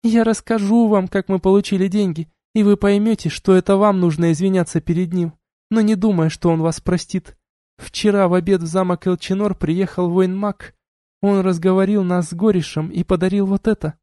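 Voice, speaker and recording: A man reading an audiobook and voicing a defiant young woman who speaks in a loud, indignant way. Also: high voice, fairly even intonation, normal speed, no echo, clean studio sound, close to an everyday voice.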